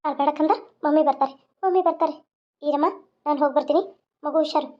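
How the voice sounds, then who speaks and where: A woman's voice: high voice, steady tone, fast, voice pushed down, lightly acted. A woman voicing a young mother and police officer, tearful and tender as she says goodbye. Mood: anguished. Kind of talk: cartoon voice acting. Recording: dull lo-fi sound.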